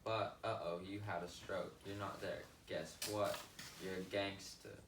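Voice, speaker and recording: A man playing an indignant anti-slavery senator in a class history skit, speaking slowly and dramatically. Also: sits low, steady tone. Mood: mocking. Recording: echoey room, distant mic, noisy.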